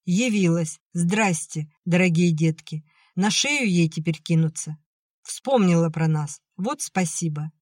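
A reader voicing a curt, sharp-tongued young woman in an audiobook. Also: medium pitch, a little slow, dry recording, studio quality, close to an everyday voice. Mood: hostile. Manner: curt and cutting.

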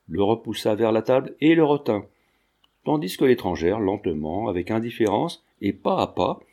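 A man narrating a literary novel as an audiobook, in a measured storytelling manner. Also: mid-range voice, warm tone. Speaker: audiobook reader.

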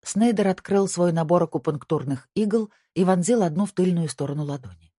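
A woman with a low, mellow, slightly husky voice reads a novel aloud as a scripted audiobook narration. Her delivery is measured and even. The sound is close and dry. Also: no echo.

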